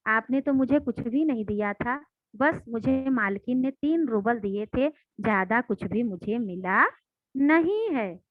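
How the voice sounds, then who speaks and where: A woman's voice: a little high, lively intonation, measured pace, no echo, soft background music. A woman reading as a trembling, tearful governess. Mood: timid, tearful. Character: timid tearful young female governess. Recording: dry, tinny phone-like sound.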